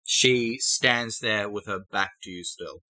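Bright-voiced man narrating a tabletop game. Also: on the low side, no echo. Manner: brisk present-tense narration. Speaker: game master.

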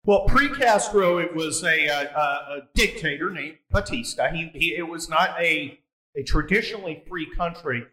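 A man's voice: fairly high pitch, normal speed, pushed and bright, rough recording. A man hosting a casual sit-down interview, blunt and provocative, rambling with frequent restarts. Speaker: podcast host.

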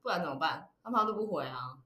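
A woman with a Taiwanese Mandarin accent trades teasing, blunt quips while co-hosting a casual podcast. She speaks at a breakneck pace in a bright, lively voice that swings up and down. The recording has a roomy echo. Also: deep voice, quick pace. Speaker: podcast co-host. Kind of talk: casual chat.

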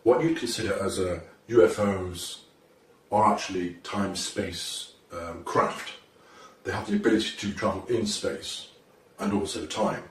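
Disguised by an effect that drops his pitch, a British man who says he travels through time speaks haltingly in an online video, with frequent pauses and fillers. Faint noise hangs in the roomy, far-off recording.

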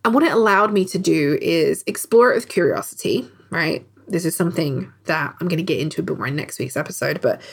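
Brit woman doing her podcast solo, lively up and down voice, candid and a bit sweary. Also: low-pitched, a little fast, gravelly, hardly any pauses, husky. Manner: candid, conversational, swears casually. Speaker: podcast host. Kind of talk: reflective solo podcast talk.

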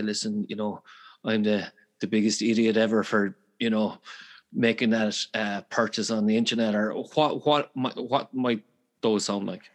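A man with a west of Ireland accent hosting a conversational interview, informal and circling around his questions with frequent verbal nods. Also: on the low side. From Galway, west of Ireland. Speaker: podcast host.

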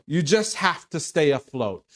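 A man preaching a sermon in an earnest, conversational way, now and then calling out loudly. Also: a little high, big pitch swings, a little slow. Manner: earnest, conversational preaching with sudden loud calls. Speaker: pastor.

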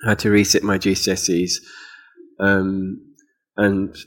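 A man speaking on a festival panel, hesitant and self-deprecating, with many pauses and ums. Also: low-pitched, monotone. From England. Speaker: poet on a panel. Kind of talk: live onstage conversation. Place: festival event before an audience.

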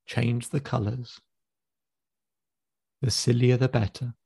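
A man with a gravelly, mellow voice leads a guided visualization as a therapist. He speaks slowly and calmly, giving step-by-step cues and counting the listener in. The sound is close and dry. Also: mid-range voice, dry recording. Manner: slow, calm, instructive pacing with counted cues. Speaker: therapist guiding a client.

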